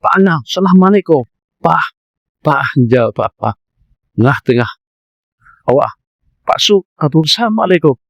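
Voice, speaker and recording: A man's voice: a little high, moderate pace, creaky, pauses often, no room sound, lo-fi sound. A man with a Malaysian Malay accent giving a mosque lecture, telling stories animatedly and acting out the voices. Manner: animated storytelling, acts out voices. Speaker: preacher.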